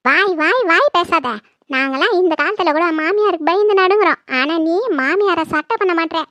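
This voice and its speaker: A performer playing a sharp-tongued older village mother-in-law who nags and scolds her daughter-in-law in a comedy skit. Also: animated, normal speed, dry recording, exaggerated voice. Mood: nagging. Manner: nagging, shrill scolding.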